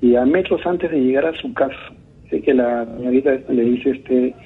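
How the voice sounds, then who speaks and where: A man's voice: medium pitch, moderate pace, slightly rough. A man with a Peruvian accent calling into a radio show, rambling through a ghost story with many fillers and restarts over a phone line. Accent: Peruvian Spanish.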